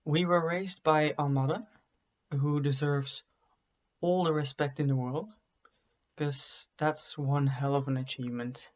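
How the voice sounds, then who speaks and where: A young Belgian man whose first language is Dutch introduces himself casually to his desk webcam from a bookshelf-lined bedroom study, with dry, self-deprecating wit. His slightly high voice stays steady at a measured pace, though the lo-fi webcam audio sounds dull and muffled.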